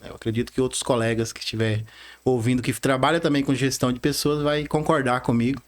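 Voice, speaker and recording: A man's voice: mid-range voice, fairly even intonation. Earnest Brazilian man with a Rondônia accent. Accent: Rondônia Brazilian Portuguese. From Bahia, Brazil, raised in Rondônia. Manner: earnest, frequent "né?" tags, halting restarts. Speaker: bank branch manager, podcast guest. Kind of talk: casual interview talk.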